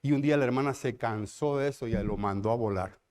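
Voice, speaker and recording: A middle-aged man with a Mexican accent, preaching a sermon as pastor, repeating phrases and slowing down to build loud climaxes. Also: medium pitch. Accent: Mexican Spanish.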